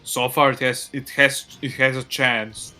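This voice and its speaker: A man's voice: mid-range voice, level tone, measured pace, pushed and bright, soft background music. A man hosting a game live stream in casual chat, rambling with a slurred-sounding delivery while hiccuping.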